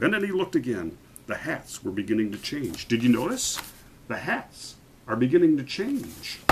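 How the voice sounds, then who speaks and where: A man reading a picture book aloud to children, animated and stopping to point out the pictures. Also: mid-range voice, slight background noise, rough recording.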